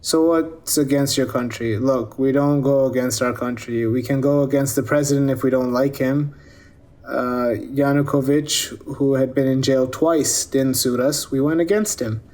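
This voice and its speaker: A man's voice: mid-range voice, steady tone, normal speed, a little mellow. Man, interviewer, pressing questions, sarcastic, lecturing tone. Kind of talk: pointed questioning.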